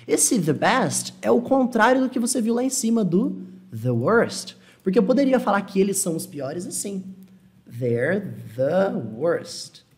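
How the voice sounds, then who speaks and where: A man with a Brazilian Portuguese accent teaching an English lesson, explaining patiently and slowing down to model English phrases. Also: high voice, big pitch swings, a little mellow. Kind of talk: online language lesson.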